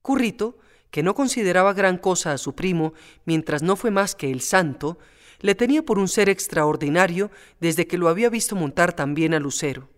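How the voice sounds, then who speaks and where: A man reading a storybook aloud in a measured, calm way. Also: high voice. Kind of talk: storybook narration.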